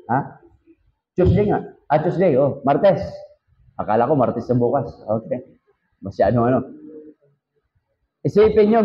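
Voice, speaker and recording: A man's voice: mid-range voice, lo-fi sound. A male pastor with a Filipino accent, teaching his congregation in a conversational, joking way full of rhetorical questions. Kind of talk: sermon-style teaching to a congregation.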